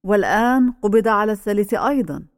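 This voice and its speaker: A woman voicing an aging male village pastor who speaks slowly and solemnly. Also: medium pitch, animated, dry recording, studio quality, natural voice. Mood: cold.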